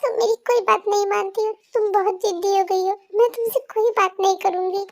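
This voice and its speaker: A woman voicing a calm, reassuring middle-aged mother in an amateur audio drama dub. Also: very high-pitched, a little fast, no room sound. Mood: sulking.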